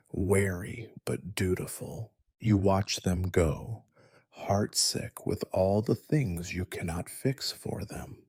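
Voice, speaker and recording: A man in a soft, breathy whisper, narrating a calm sleep story in slow, measured phrases. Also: low-pitched, dry recording, clean studio sound.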